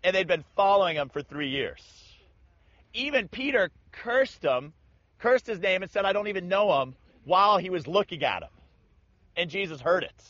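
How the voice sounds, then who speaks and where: Here a male Bible teacher speaks in a high voice at a moderate pace, giving a lively, casual retelling of a Bible passage and voicing its figures in slang. There's no echo, though the sound is dull and lo-fi.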